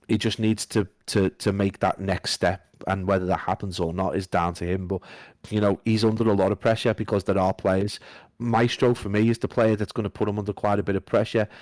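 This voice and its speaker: A man guesting on a casual podcast, talking in a flat monotone while feeling unwell. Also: low voice, dry recording. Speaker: guest esports caster.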